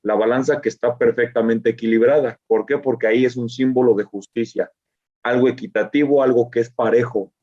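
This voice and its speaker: Guy preaching a bible lesson, mid pitch, kinda muffled recording. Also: steady tone, a little mellow. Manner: explanatory, asks rhetorical questions, reads verses slowly. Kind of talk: bible teaching with slides.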